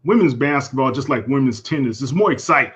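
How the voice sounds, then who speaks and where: Husky-voiced man hosting, lo-fi sound. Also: medium pitch, animated, quick pace, fairly bright tone. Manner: conversational, asks long questions. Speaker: host. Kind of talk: casual interview.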